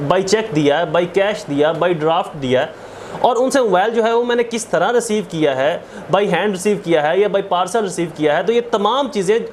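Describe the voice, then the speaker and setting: In a high-pitched voice over a faint hiss or hum, a Pakistani-accented man gives a didactic lecture on law, alternating Urdu with English legal terminology, setting out points and repeating key phrases.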